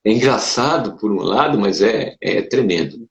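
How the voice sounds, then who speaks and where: A man's voice: moderate pace, crowd noise. Emotional pastor telling his testimony. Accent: Brazilian Portuguese. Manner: emotional, animated storytelling with sudden pitch jumps. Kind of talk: testimony in casual conversation. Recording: dull roomy sound.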